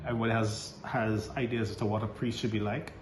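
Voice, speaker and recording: This Barbadian priest has a low, flat male voice and answers casual interview questions haltingly, full of fillers, restarts and frequent laughter. Faint background noise sits in a roomy-sounding recording.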